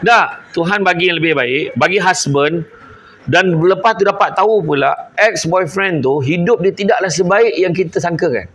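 A man's voice: high voice, normal speed, a bit bright. A male preacher with a Malaysian Malay accent gives a humorous religious talk and teases his live audience. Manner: joking and teasing with the crowd, switching between I and aku.

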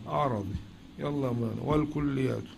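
This male logic teacher, speaking with an Egyptian Arabic accent, lectures his class at a moderate pace, asking questions and answering them himself. His voice is mid-range, creaky and darkish in tone, with slight background noise.

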